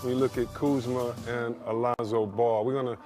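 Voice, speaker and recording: A man's voice: medium pitch, level tone, moderate pace, over music. A man hosting a sports talk show, joking and teasing his co-hosts and laughing often. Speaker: studio host. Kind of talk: casual sports chat.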